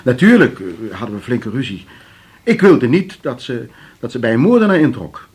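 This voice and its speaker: A man's voice: medium pitch, very animated, moderate pace, darkish tone, husky. An actor playing a nervous older man under suspicion, who speaks hesitantly and stammers while defending himself. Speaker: suspect husband. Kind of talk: radio drama acting.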